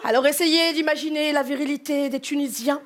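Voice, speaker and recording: A woman comedian doing a stand-up set with brisk, sarcastic asides. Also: sits high, steady tone, slight background noise. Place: stage with a live audience. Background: faint audience.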